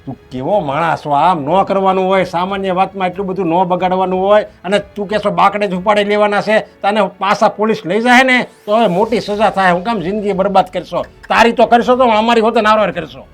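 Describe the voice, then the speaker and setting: A man's voice: high-pitched, brisk, hardly any pauses, soft background music. An actor playing an exasperated older father figure who scolds and lectures. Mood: lecturing.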